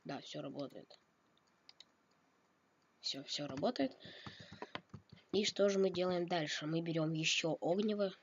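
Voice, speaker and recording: Coughing now and then because he's slightly ill, a man walks through a game tutorial casually, thinking out loud and correcting himself. He speaks a little high at a measured pace with long pauses, while a dull, noisy lo-fi mic picks up keyboard and mouse clicks.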